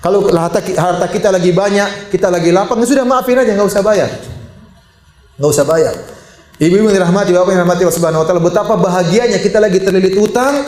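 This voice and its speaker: A middle-aged Indonesian man preaching to a congregation, lively and joking, his pitch jumping high to stress a point. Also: rapid-fire. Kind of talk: sermon. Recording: echoey hall.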